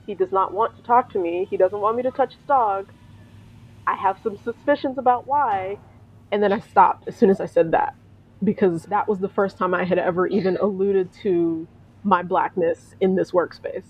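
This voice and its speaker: Woman storyteller, lively, acts out quotes; breathy tone, dull recording. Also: medium pitch, normal speed. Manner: animated, acts out quoted voices, laughs often. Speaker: storyteller, veterinary technician. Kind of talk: casual spoken storytelling.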